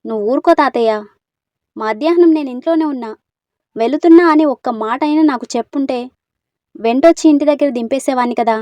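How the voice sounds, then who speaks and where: Picture a woman reading the part of a young village man with a quick temper and a soft heart, fussing and coaxing in a fairly high voice. The reading is dry and close, with no room around it. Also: no room sound, close to an everyday voice. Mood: irritated. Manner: scolding then coaxing.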